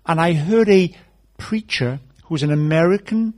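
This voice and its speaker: A man from South Wales with a Welsh accent, a guest preacher giving a conversational sermon told as stories with gentle humor. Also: fairly high pitch, a little slow.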